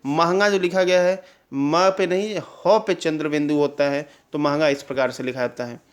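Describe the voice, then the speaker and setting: Male exam tutor, slightly high voice, drilling style with constant check-ins. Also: fairly even intonation, moderate pace. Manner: drills answers with repeated questions and "clear?" checks. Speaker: exam-prep teacher. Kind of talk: Hindi spelling lesson.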